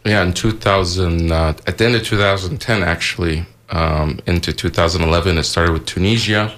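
A man's voice: low-pitched, fairly even intonation, brisk, fairly bright tone. A man from Egypt co-hosting a live radio talk show in a studio, explaining events hesitantly with many fillers and restarts.

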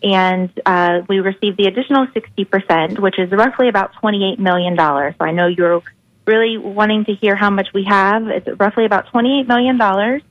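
Lady on the phone to a radio show, clear businesslike county manager, dull lo-fi line. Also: medium pitch, a little fast, no echo. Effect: over the phone. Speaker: county social services manager. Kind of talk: caller explaining a program on air.

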